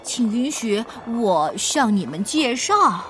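Brief: swaggering storybook hero cat, high and lively, a woman putting it on. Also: slow pace, soft background music, full character voice. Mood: cheerful. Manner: swaggering, confident and playful.

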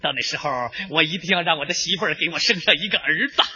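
Man, crosstalk comedian, very bright and sharp tone, loud stage delivery, muffled radio sound. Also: fairly high pitch, fast talker, husky. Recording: slightly muffled old radio broadcast.

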